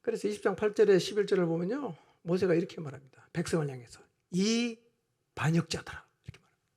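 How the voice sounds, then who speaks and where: A male pastor preaching a sermon in a church, swinging between hushed asides and loud, emphatic outbursts. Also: high voice, quick pace, breathy edge.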